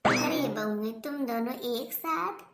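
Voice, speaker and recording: A woman's voice: fairly high pitch, expressive, slow, very noisy. A woman voicing a scheming middle-aged mother-in-law in a cartoon, giving orders in a bossy way. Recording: roomy echo.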